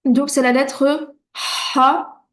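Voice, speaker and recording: This beginner Arabic reading lesson is led by a woman with a slightly high, darkish voice and fairly even intonation. She patiently sounds out syllables one by one, slowly and clearly, reassuring learners and checking in often.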